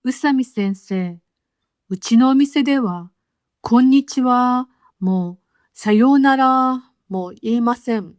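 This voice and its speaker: A woman's voice: on the high side, takes it slowly, a little mellow, no room sound, studio quality. A woman voicing a young female learner who works in a shop and asks the teacher questions in a casual, friendly way. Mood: curious. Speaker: student asking the teacher. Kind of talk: scripted anime lesson dialogue.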